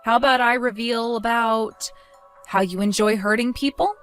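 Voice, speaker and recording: A woman's voice: a little high, fairly even intonation, normal speed, clear, resonant tone, soft background music, natural voice. A woman voicing a protective young mother in a dramatized story, accusing and sarcastic.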